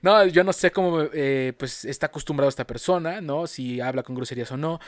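A man's voice: on the high side, fairly quick, no room sound, studio quality. A man with a Mexican accent hosting a podcast in casual, playful chat, swearing freely. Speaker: podcast host.

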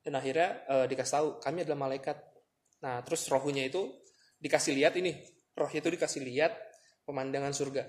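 A man's voice: medium pitch, fairly even intonation, fast talker. A man chatting casually as a podcast co-host, telling a long story and acting out its dialogue. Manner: storytelling, retells scenes with quoted dialogue.

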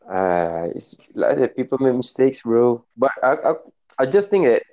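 Mellow singaporean guy, lowish voice, chatting football in singlish and malay, bit muffled. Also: very animated, normal speed. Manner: Singlish, code-switching between English and Malay. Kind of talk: casual football chat.

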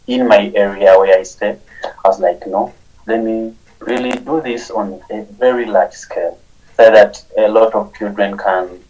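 A man's voice: lowish voice, darkish tone, rough recording. A young man, a nonprofit founder speaking sincerely in an interview and often repeating words as he goes. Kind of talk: conversational interview.

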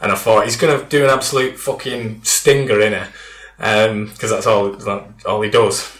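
A man's voice: fairly low pitch, steady tone, normal speed, a bit bright, roomy sound. A young man, telling a story in casual chat and swearing freely. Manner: chatty, swears freely, laughs through stories. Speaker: guest.

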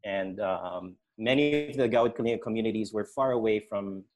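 Here the same kind of guest, a middle-aged man, talks casually in a lowish, slightly fast voice, with a faint hiss or hum in the recording. He explains and shares his own experiences as a sports programme organiser and futsal official from Indonesia, Hong Kong and the Philippines.

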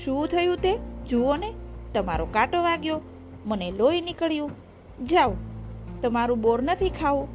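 A woman's voice: high-pitched, lively intonation, a little slow, darkish tone, soft background music. A woman voicing a little girl in a children's storybook, pleading sweetly and then crying and sulking. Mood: tearful sulking. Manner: whiny, tearful pleading. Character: little girl, fussy and easily hurt.

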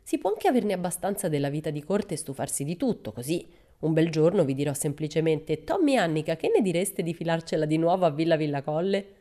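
In a storybook reading, a woman voices a boisterous, cheerful young girl adventurer who keeps exclaiming with delight. Her low-pitched, mellow voice is expressive, and she talks fast in an exuberant mood.

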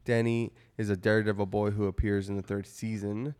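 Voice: sits low, level tone, fairly quick, darkish tone, smooth. A podcast co-host in casual chat, joking crudely and teasing.

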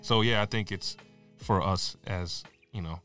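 Very deep-voiced laid-back man. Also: unhurried, a bit bright, faint music behind. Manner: laid-back, reflective, laughs easily. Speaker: podcast host. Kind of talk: casual podcast conversation.

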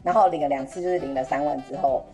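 A young woman with a Taiwanese Mandarin accent telling a story on a podcast, animated and laughing, acting out an old customer's lines in Taiwanese. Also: low voice, very fast, soft background music. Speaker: podcast host. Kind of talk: casual chat, storytelling.

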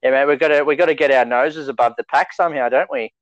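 A man's voice: mid-range voice, fast, no echo. An Australian man co-hosting a sports podcast in casual, matey conversation, recorded on slightly dull lo-fi audio. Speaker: fantasy rugby league podcast co-host.

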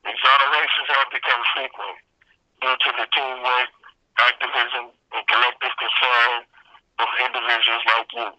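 A man on a prison phone call, reading a prepared statement in a formal, measured way and spelling out addresses letter by letter. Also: mid-range voice, flat delivery, bright, forceful tone, dry recording. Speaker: prisoner appealing for support. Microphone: prison telephone. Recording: muffled phone line.

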